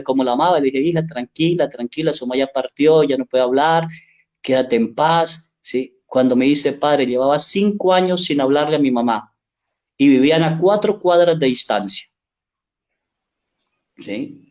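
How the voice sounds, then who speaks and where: Male priest, pitched a bit high, earnest sermon storytelling, slightly lo-fi recording. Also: darkish tone. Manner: earnest storytelling, tag questions "¿sí?".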